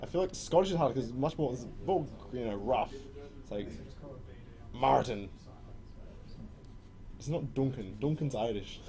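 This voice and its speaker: A man co-hosting a casual live stream chat, lively and prone to trailing off. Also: medium pitch, fairly quick.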